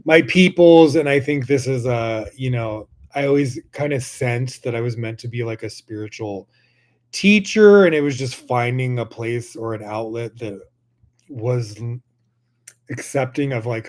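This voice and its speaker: A man's voice: mid-range voice, darkish tone. A young man hosting a spiritual podcast, talking in a gushing, rambling way full of fillers. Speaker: podcast host. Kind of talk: casual spiritual podcast talk.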